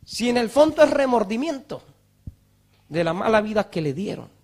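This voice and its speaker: A male pastor preaching a fervent sermon in church, rising to shouts on scripture and mocking wailing sinners. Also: high voice, big pitch swings, moderate pace.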